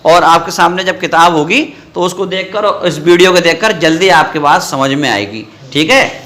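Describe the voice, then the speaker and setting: Bright high-voiced male Quran teacher. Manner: asks the class questions and answers them himself; drawls letter sounds in a sung, drawn-out way. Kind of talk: Quran reading lesson.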